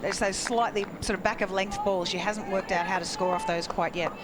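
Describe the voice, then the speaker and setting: A woman's voice: mid-range voice, fairly even intonation, fairly quick. Australian woman analysing cricket amid outdoor noise. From Queensland, Australia. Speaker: expert analyst cricket commentator. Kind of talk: live sports analysis, conversational. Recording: noisy outdoor ground, traffic ambience.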